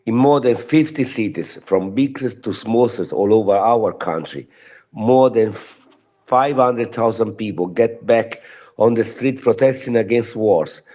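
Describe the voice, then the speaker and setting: A man's voice: on the low side, unhurried, mellow. A man from Italy with an Italian accent, a native Italian speaker, giving a prepared trade union statement in broken English. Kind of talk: prepared political solidarity statement.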